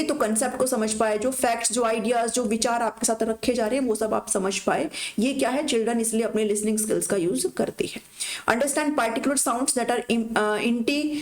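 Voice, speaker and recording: A woman teaches an exam-prep class in a somewhat high voice. She explains each point in Hindi, reads out short English phrases and keeps checking that her students follow. The sound carries a noticeable room echo. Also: darkish tone. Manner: explains in Hindi with read-out English lines, frequent "ठीक है" check-ins.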